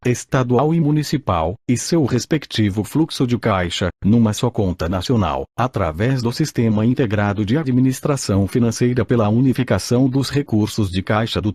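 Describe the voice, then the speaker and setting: A man's voice: mid-range voice, mellow, no echo. A synthesized male voice, like an old speech synthesizer, reading an audiobook in a mechanical, impersonal way. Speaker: audiobook narrator. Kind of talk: scripted audiobook narration, read aloud.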